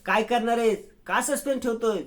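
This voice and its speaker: A man doing a playful younger brother from a retold serial who keeps teasing and nudging. The voice is high and close to the narrator's own. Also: a little fast.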